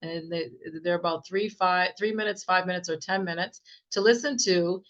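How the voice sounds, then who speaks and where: A woman giving a casual, enthusiastic software demo as a naturopath, with many fillers and restarts and a slightly strained voice. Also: lowish voice, moderate pace. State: slightly losing her voice. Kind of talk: casual screen-share product demo. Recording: dull, muffled sound.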